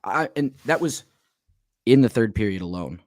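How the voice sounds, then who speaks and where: A man's voice: on the low side, lively intonation, normal speed, a little mellow, no echo. Blunt, exasperated man on a podcast. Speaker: podcast co-host. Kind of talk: heated sports podcast talk.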